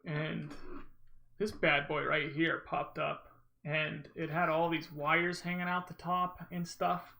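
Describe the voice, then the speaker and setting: A man's voice: a little high, little pitch movement, slow, creaky, sharp tone, rough recording. A man giving casual, rambling gameplay commentary as a speedrunner, often breaking off and restarting his thoughts. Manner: rambling, informal, self-interrupting storytelling. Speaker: gamer, speedrunner commentating own run.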